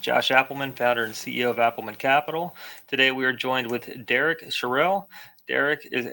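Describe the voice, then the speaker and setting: Male podcast host, bright forward tone, upbeat interviewer. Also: medium pitch. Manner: upbeat, reads guest introduction.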